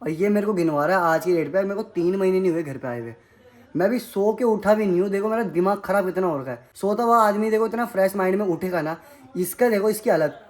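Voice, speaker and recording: A man's voice: high voice, fast. Fired-up young man ranting on camera. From India. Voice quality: heated, accusing, repetitive outbursts. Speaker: vlogger. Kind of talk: angry vlog rant to camera. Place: family home, indoors.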